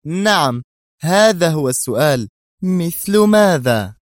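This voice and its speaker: A man's voice: high-pitched, moderate pace, darkish tone, no room sound, pitched above the performer's own voice, lightly acted. A resolute young woman investigator, voiced by a male narrator in a storybook. She speaks firmly, raised above his own voice. The sound is dry. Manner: firm, tense.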